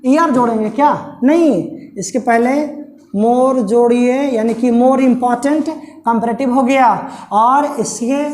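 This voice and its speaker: High-pitched female teacher, patient classroom explainer, echoey room sound. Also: dark tone. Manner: patient, repeats points, asks and answers own questions. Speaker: English teacher. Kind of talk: classroom grammar lesson.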